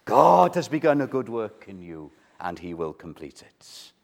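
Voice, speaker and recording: A man preaching an evening sermon at a pulpit microphone. He is earnest, swelling to loud emphasis and then dropping low. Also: sing-song, unhurried, creaky.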